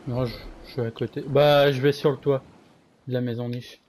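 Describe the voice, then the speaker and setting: A man's voice: mid-range voice, fairly even intonation, moderate pace, a little mellow. Man gaming, noisy voice chat. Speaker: gamer. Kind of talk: casual team game chat. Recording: noisy game voice chat with clicks.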